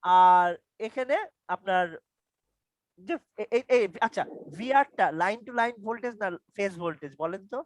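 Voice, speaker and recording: A young man teaching a university lecture over a computer mic on a video call. His voice sits high for a man and sounds dry and close. He stammers often and asks the same question twice to check on his students. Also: moderate pace, dry recording. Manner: repeats questions and stammers on words, quizzing students. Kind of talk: online lecture.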